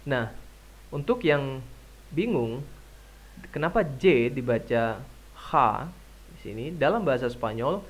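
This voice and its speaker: A man with an Indonesian accent teaching a language lesson, saying words slowly and repeating them for learners to echo. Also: medium pitch, animated. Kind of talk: slow, drilled language lesson.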